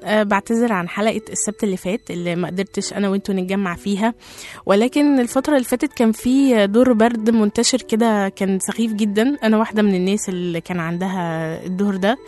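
Chatty Egyptian woman radio host. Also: mid-range voice. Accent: Egyptian Arabic. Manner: chatty, warm greetings to listeners, many fillers. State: slightly hoarse after a cold. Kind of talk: casual radio talk.

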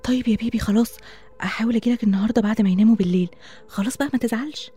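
A young woman with an Egyptian accent playing a bossy, teasing middle sister, over soft music. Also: fairly high pitch, racing, husky. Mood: secretive. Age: young adult. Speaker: college student sister. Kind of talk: radio drama acting.

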